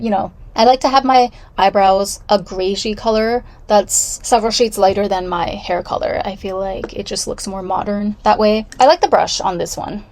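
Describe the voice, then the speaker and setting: A woman's voice: mid-range voice, darkish tone. A woman vlogging casually from home, reviewing beauty products in a rambling, candid way with self-deprecating asides.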